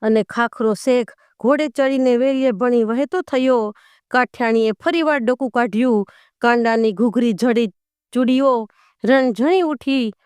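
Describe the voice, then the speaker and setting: A woman's voice: fairly high pitch, unhurried, a little mellow, clear, resonant tone, no room sound, clean studio sound. A woman narrating a folk tale in a dramatic storytelling manner, with rustic dialect in the characters' speech.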